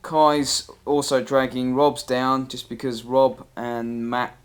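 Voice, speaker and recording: This is a man's slow, smooth voice-over for hunting footage he shot himself, medium in pitch and flat in delivery. He sounds casual and matter-of-fact, and music runs underneath.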